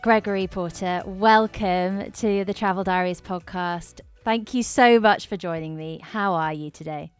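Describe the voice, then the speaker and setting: Low-pitched woman podcast host over music. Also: unhurried, few pauses, clear, resonant tone. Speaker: podcast host and travel journalist. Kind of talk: podcast introduction and interview.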